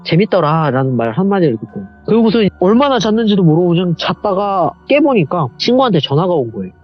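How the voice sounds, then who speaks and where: Fast, animated male horror storyteller. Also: high-pitched, highs cut off, faint music behind. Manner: animated, acts out quoted voices. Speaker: guest storyteller. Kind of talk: telling a true horror story.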